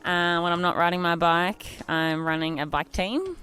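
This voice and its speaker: A woman's voice: on the low side, moderate pace, bright, forceful tone, clear, resonant tone, soft background music. A woman in her thirties from Bendigo with an Australian accent, chatting in an easygoing way with some hesitation. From Bendigo, Victoria. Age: 30s. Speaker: cyclist and bike team manager. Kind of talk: casual chat.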